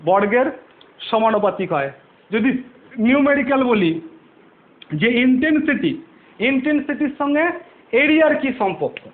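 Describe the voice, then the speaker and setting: A man with a very high voice teaches physics, walking through each idea patiently. He keeps asking rhetorical questions and answering them himself, repeating the key words. The audio is thin and phone-like. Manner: repeats key terms, patient step-by-step explaining. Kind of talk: online physics lesson.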